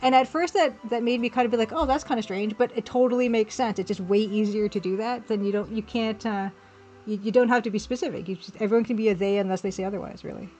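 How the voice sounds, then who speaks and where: She talks fast in a medium-pitched, dark-toned voice, captured on a rough recording. As a livestream host and pixel artist, she chats casually while drawing, musing aloud and replying to chat, with music behind her.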